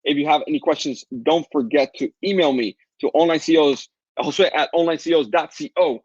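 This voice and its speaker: A man from the Caribbean with a Latin American Spanish accent, Spanish as his first language, hosting a live webinar Q&A and pitching his course in a fast, upbeat way while answering chat questions. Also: darkish tone, slightly rough, dry recording, dull audio.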